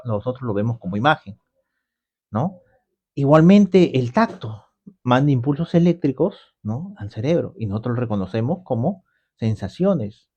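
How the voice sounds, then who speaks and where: A man's voice: mid-range voice, mellow, highs cut off. A man teaching scripture on a radio program in a conversational way, explaining step by step and often checking in with his listeners. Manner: explanatory, often adds the tag question "¿no?". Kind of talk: conversational Bible commentary.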